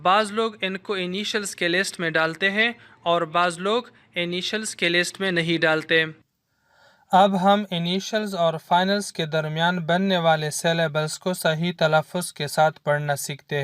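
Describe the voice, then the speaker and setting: A male language teacher giving a slow, explanatory recorded lesson and modeling sounds for learners to repeat. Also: on the high side, fairly even intonation, a bit bright, smooth.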